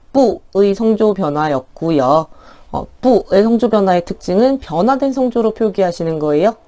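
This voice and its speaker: A woman teaching an online language lesson in a friendly, polite explaining tone, slowly drawing out words as pronunciation models. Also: on the low side, mellow.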